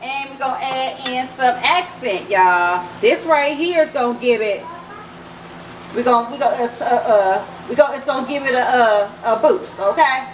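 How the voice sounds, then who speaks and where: A woman's voice: high-pitched, moderate pace. A woman hosting a casual cooking vlog from her home kitchen, chatting to her viewers as "y'all" and "baby.". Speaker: cooking channel host. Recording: echoey kitchen with background noise.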